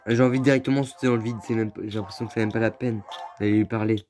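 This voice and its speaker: A man's voice: on the low side, fairly even intonation, very fast, darkish tone. A man giving casual, slangy gameplay commentary as a let's player, often grumbling in exasperation. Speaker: video game let's player. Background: faint game music.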